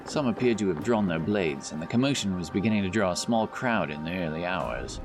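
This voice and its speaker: A low-pitched man narrates a scripted fantasy audiobook as storyteller, brisk and lively in intonation. Loud music and outdoor sound effects play behind his narration.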